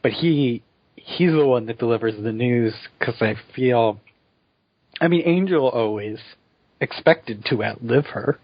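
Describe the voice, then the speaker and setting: A man co-hosts a casual chat podcast, thoughtfully talking things through and steering the show's segments. His mid-range voice is slightly rough at a measured pace, with no room sound, though the podcast audio is dull and lo-fi.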